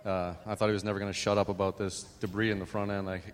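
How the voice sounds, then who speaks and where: A man's voice: deep voice, flat delivery, quick pace, long reverb tail. A man, a race team owner, answering post-race questions with dry jokes. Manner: dry, joking.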